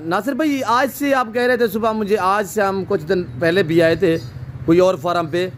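A man's voice: high-pitched, normal speed, a little hiss or hum. Effusive man vlogging from a goat farm. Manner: effusive, many religious blessings. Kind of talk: promotional farm vlog with interviews. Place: outdoor goat farm pens.

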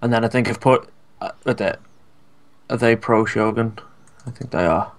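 A young man with a Scouse accent chatting casually while playing a co-op strategy game, relaxed and hesitant, with many fillers. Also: fairly low pitch, normal speed. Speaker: co-op gameplay commentator. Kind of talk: casual gaming chat.

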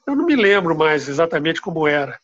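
A man's voice: on the high side, sing-song, quick pace. An older man from recalling old stories over a video call, hesitant and trailing off. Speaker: father telling family stories. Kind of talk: casual recollection. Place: home room, indoors. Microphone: laptop webcam on video call. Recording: dull lo-fi video call audio.

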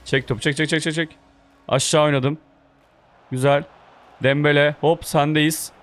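A young man, a gaming video host, giving excitable play-by-play commentary on his own football game, often shouting at his players. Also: a little high, moderate pace, soft background music. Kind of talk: live gameplay commentary.

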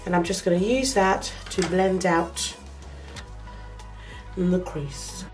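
A young woman with a cold gives a slow, chatty makeup tutorial full of fillers, taking it step by step from her small bedroom with the camera close to her face. Her lowish voice sounds nasal, steady, and a little mellow. Faint music can be heard behind her.

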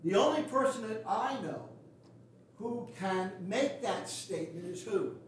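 The voice sits high and animated at a measured pace: an older pastor preaching bluntly, with folksy sarcasm, in a small wooden church. A far camera at the back of the pews captures the echo from far off, along with slight background noise.

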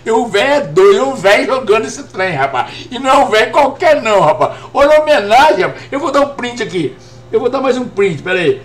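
His voice is very high and sing-song, and he speaks a little fast. The man is Brazilian, in his fifties, and is joking with viewers on a live gameplay stream in Brazilian Portuguese, using "rapaz" over and over.

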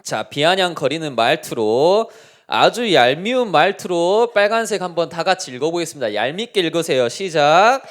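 A male pastor giving a sermon to children, speaking in a lively way and constantly asking them questions. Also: a little high, normal speed.

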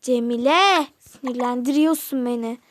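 Woman plays a sweet fussing aunt in a toy-game story, very high voice, calls everyone dear. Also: moderate pace, slight background noise, close to an everyday voice. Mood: fond. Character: kind caring aunt, middle-aged woman. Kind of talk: toy game role-play voice-over.

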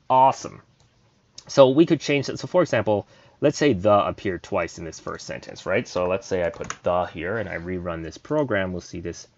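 A man with a lowish voice walks through code in a relaxed coding tutorial, thinking aloud as he goes. The recording is dull and lo-fi, with keyboard typing behind him. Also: no echo. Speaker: programming tutor.

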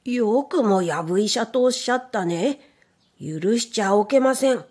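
A woman's voice: medium pitch, lively intonation, unhurried. A woman voicing a proud rabbit doctor in a children's storybook, indignant and lecturing. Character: fussy, proud rabbit doctor, grown male.

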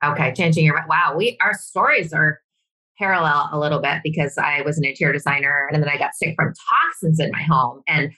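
A woman co-hosts a casual health podcast, chatty and engaged with her guest. Her voice is low for a woman yet bright and forceful in tone. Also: steady tone, low-quality recording. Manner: chatty, quick to laugh along. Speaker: podcast co-host.

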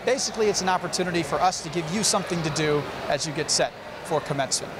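A man's voice: a little high, quick pace, noisy background. A man hosting a live broadcast with upbeat presenter patter, on a handheld mic in a busy indoor gym. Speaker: livestream host. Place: indoor gym among graduates.

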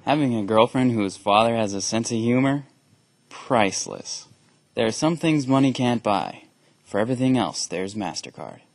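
A man reading scripted commercial narration in a measured, understated way. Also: mid-range voice, expressive, vocal fry.

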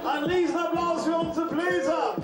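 A man's voice: extremely high pitch, steady tone, moderate pace. A man emceeing a crowded party on a handheld mic, boisterous and jokey. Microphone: handheld microphone. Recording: loud music and crowd, roomy echo.

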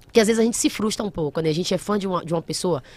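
A young woman singer telling a story in an interview, animated and emotional, full of casual slang. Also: fairly low pitch, racing. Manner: animated, emotional, uses slang like mano and velho.

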